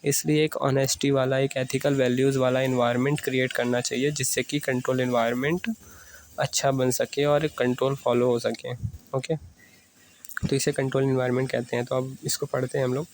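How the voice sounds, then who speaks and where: Gravelly, flat-voiced man teaching audit. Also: mid-range voice, slight background noise, poor audio. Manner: reads English lines slowly, explains in quick Hindi. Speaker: audit tutor. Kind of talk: explaining a text to students.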